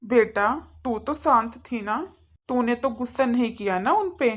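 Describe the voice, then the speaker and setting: A woman voicing a calm, sensible middle-aged father in a cartoon, reasoning patiently. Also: on the high side, unhurried. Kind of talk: cartoon voice acting.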